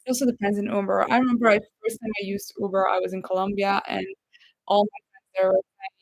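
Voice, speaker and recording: A woman's voice: mid-range voice, flat delivery, fast talker, gravelly, dry recording, rough recording. A woman from Poland, rambling in a casual live chat with viewers. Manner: rambling, chatty, reads viewer comments aloud. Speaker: livestream host.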